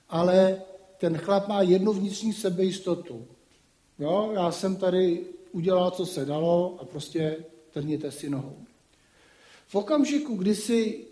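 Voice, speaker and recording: A man with a high-pitched, mellow voice gives a casual spoken lecture. He talks colloquially and throws in frequent rhetorical asides. The recording has a roomy echo.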